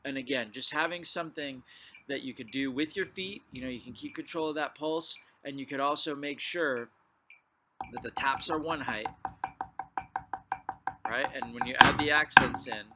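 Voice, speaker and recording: A man's voice: on the high side, lively intonation, normal speed, long pauses, noisy background. A man teaching a drumline clinic, explaining exercises and calling count-offs before he plays. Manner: counts off loudly before playing. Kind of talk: percussion lesson.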